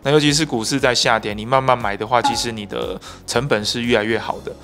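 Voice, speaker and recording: In a bright office, a Taiwanese-accented Mandarin-speaking man in his thirties hosts an interview on a handheld mic, fluently unpacking the guest's ideas for the audience with sentence-final particles. His voice is mid-pitched, quick, and slightly bright against soft background music.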